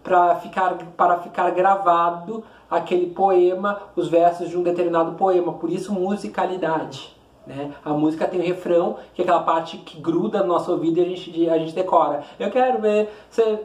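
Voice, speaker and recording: A man with a Brazilian Portuguese accent, a literature teacher giving a classroom lecture, explaining in short phrases, asking rhetorical questions and reciting verses slowly. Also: sits high, flat delivery, reverberant. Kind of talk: classroom lecture with poetry reading.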